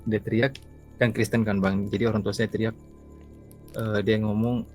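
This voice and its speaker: A man's voice: lowish voice, level tone, moderate pace, faint music behind. A young man from East Kalimantan telling his own ghost story in a loose, rambling way, repeating himself and acting out his talk with his mother. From East Kalimantan, Indonesia. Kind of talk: casual spoken storytelling.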